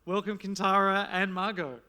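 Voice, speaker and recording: A man with a high-pitched, bright, smooth voice addresses a festival audience from the stage. He is enthusiastic and upbeat, and he gets the crowd to call back before he introduces the youth speakers. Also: level tone, moderate pace. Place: large hall at a festival, on stage.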